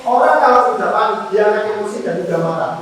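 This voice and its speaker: An animated man gives a classroom lesson, breaking into small acted exchanges between nurse and patient. His voice reaches the camera from across the room, and a long reverb hangs on every phrase. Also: high voice, fast talker. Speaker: student teacher. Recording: echoey classroom from far off.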